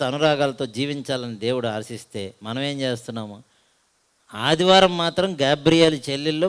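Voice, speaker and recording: A male pastor with a Telugu accent preaching a sermon, asking the congregation questions and swinging between loud appeals and hushed asides. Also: on the high side.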